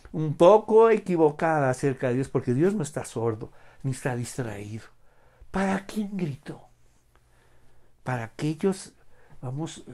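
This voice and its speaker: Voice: mid-range voice, dark tone. A Bible study teacher giving an online lesson, speaking emphatically, asking rhetorical questions and often using the filler "vamos".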